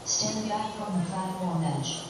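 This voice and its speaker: A woman's recorded transit announcement over a train station loudspeaker, calm and measured. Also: fairly low pitch. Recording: echoey distant loudspeaker, loud station noise.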